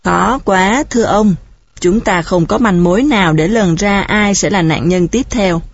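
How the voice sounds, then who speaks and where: A woman reading the lines of a grave male police officer, serious and deliberate, in a storybook reading. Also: mid-range voice, breathy edge. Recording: dull, dry recording.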